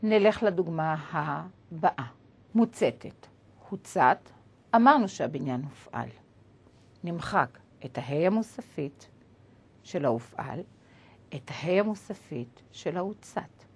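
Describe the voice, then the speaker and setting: A woman teaching a lesson, explaining each step slowly and spelling out letters one at a time. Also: on the low side, expressive, creaky, a little mellow, slightly rough.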